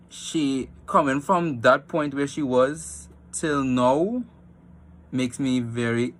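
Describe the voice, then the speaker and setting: A young man giving a testimonial into a phone at home. His voice sits at a middling pitch and he halts often, fighting back emotion. A light hiss runs underneath. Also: a bit bright. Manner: halting, holding back tears. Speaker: young man telling a family story.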